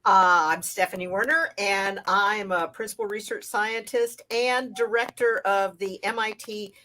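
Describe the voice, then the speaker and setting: A woman's voice: medium pitch, steady tone, measured pace, pushed and bright. A woman appearing as a guest on a webcast, a research scientist introducing herself in a composed way. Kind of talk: casual webcast interview.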